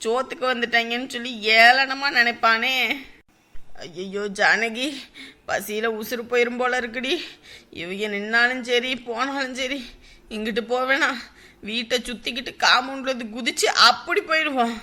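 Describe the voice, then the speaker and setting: A high, bright voice of a self-pitying mother-in-law, grumbling to herself about her hunger. She is middle-aged and speaks in the rural of Nadu. The delivery is a drama's, muttered and plaintive. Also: normal speed. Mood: scheming. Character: hungry, scheming village mother-in-law. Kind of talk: village web-series drama.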